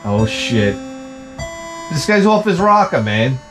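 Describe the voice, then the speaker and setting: Slow-talking, sweary man playing a game. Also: medium pitch, sing-song. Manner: sweary, slangy exclamations. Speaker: video game streamer. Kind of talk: casual game playthrough commentary. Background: prominent game music.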